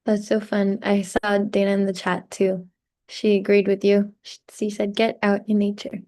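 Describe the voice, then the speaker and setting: A woman hosting an online group over a video call. Her voice is mellow and mid-pitched, and she talks in a relaxed, easy way. She fills her pauses with frequent ums. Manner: friendly, loose, with many filler ums. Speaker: host.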